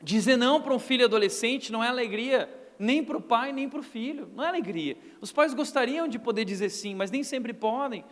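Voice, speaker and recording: High-voiced Brazilian preacher, church echo. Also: male voice, fairly quick, hardly any pauses. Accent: Brazilian Portuguese. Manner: humorous, animated storytelling. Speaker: pastor. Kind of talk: sermon. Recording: reverberant church hall.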